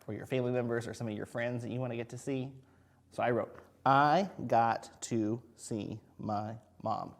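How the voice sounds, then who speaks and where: A man's voice: mid-range voice, creaky, a little mellow. A man teaching young children in a video lesson, encouraging, using simple words and asking frequent questions as if talking to little kids. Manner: encouraging, singles out and spells words slowly. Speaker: first grade teacher.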